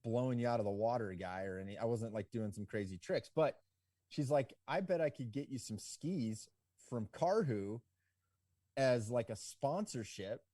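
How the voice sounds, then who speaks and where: Relaxed, mellow-voiced man telling stories. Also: mid-range voice, normal speed, no echo, clean studio sound. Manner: relaxed, rambling delivery full of "like" and "you know". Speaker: podcast guest, ski business owner. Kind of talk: casual interview storytelling.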